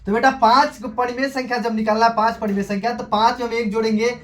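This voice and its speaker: A man's voice: extremely high pitch, flat delivery, fast, a bit bright. A young man with a Bihari accent teaching maths in a live class, chatty and scolding, calling his students beta. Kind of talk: casual Hindi live class.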